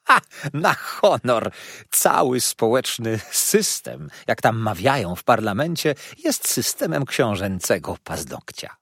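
A man reading an audiobook, voicing a chattering, coquettish little dwarf woman in a high, squealing voice that rattles on with sly gossip. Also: sing-song, slow, creaky, a bit bright, breathy edge, no echo, clean studio sound, exaggerated voice. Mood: gossipy. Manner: shrill, bustling and gossipy, with sudden high squeals. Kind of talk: audiobook character voice.

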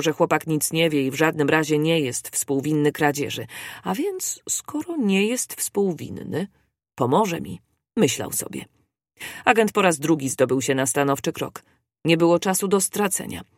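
A steady audiobook narrator reading a classic adventure novel at an even pace. The voice sits at a middle pitch. It is recorded on a close studio microphone with a very dry sound. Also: no room sound. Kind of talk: scripted storybook narration.

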